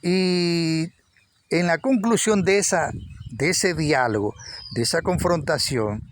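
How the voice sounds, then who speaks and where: Taking it slowly in a slightly high voice, a man delivers informal Bible teaching, leaning on repeated words for emphasis and surging with energy at moments. There's a little hiss or hum in the recording.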